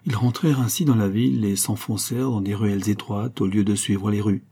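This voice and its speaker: A man reading a historical novel aloud in a steady, measured storytelling voice. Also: lowish voice, husky. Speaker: audiobook narrator. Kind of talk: scripted narration of a historical novel.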